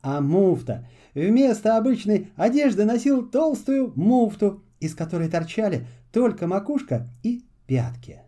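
A man narrating a children's fairy tale in an expressive, melodic reading. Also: high-pitched, a little slow, hardly any pauses.

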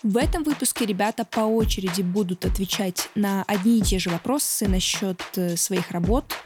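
A woman hosting an interview, introducing guests and asking measured, explanatory questions. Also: medium pitch. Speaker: podcast host.

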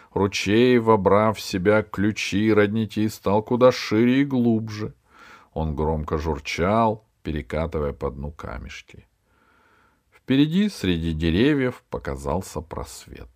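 A man narrating a children's adventure audiobook in an even storytelling manner. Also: sits low. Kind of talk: scripted narration.

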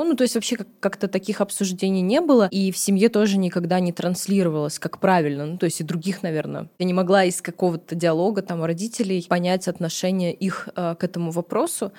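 A woman's voice: mid-range voice, a little mellow. A woman in her thirties co-hosting a podcast in casual chat, talking in a conversational way with many hedging fillers. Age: 30s. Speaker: podcast co-host.

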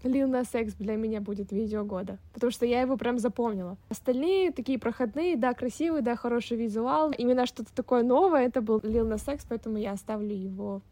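A woman's voice: a little high, brisk, few pauses, dark tone, no echo. A woman co-hosting a casual pop culture podcast in a chatty, upbeat, opinionated manner. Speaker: podcast co-host.

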